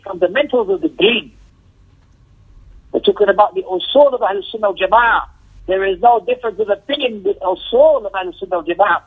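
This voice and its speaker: A man with a high-pitched, breathy-edged voice teaches an Islamic lesson emphatically, explaining a text through Arabic recitation and quotations and repeating phrases to stress them. The sound is narrow and tinny, like a phone line.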